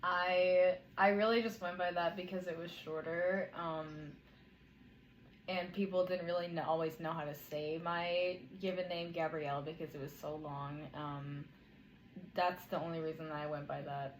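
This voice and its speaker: A young adult answering interview questions briefly and plainly, pausing often with ums. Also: mid-range voice, little pitch movement, reverberant, a little hiss or hum, low-quality recording.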